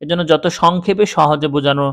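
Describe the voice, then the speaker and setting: A Bangladeshi man teaching Quran reading, slowly spelling out letters and repeating each word clearly. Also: fairly high pitch, steady tone, a bit bright, dry recording. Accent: Bangladeshi Bengali. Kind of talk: step-by-step recitation lesson.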